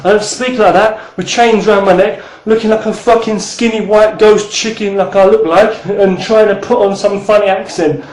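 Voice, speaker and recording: A man's voice: high voice, fairly even intonation, moderate pace, few pauses, darkish tone, roomy sound, rough recording. A man in his thirties teaching martial arts in a rambling, casual way, swearing and then apologizing. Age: 30s.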